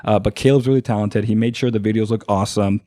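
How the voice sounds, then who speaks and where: A man's voice: lowish voice, fairly even intonation, quick pace, warm tone, dry recording, clean studio sound. A man from Oregon, a marketing agency owner, talking as a podcast guest in a rambling, filler-heavy way that leans on "like" and "right?". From Oregon, USA. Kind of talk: casual podcast chat.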